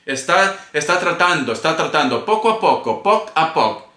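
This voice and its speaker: A man's voice: fairly high pitch, sing-song, moderate pace, bright, forceful tone. A man giving a casual tarot reading to camera, chatty and playful, calling viewers darling. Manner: bursts into singing and laughter. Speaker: tarot reader. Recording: echoey room.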